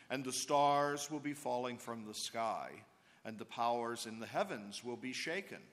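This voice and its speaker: A man of middle pitch preaches at a leisurely, deliberate pace, every phrase trailing into a long cathedral echo. He reads and explains scripture as a priest in a large church. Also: fairly bright tone. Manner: slow, measured liturgical delivery. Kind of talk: Gospel reading and homily at Mass.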